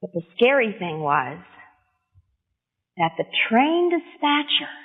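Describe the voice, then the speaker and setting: An older woman telling a true story to children in a lively, expressive way, asking them questions as she goes. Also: a little high, takes it slowly, husky. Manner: animated, expressive, asks listeners questions. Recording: tinny phone-like line with long reverb.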